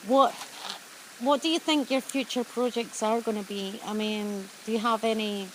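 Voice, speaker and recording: A woman conducts an outdoor interview, asking questions softly and encouragingly. Her voice sits a bit high. A faint hum of outdoor noise runs underneath. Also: steady tone, moderate pace, low-quality recording. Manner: soft-spoken, encouraging, laughs often. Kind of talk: casual interview.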